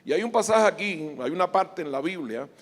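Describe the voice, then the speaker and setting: A male pastor preaching a sermon, moving between quiet scripture reading and shouted exhortation. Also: on the high side, expressive, a little fast. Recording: echoey hall.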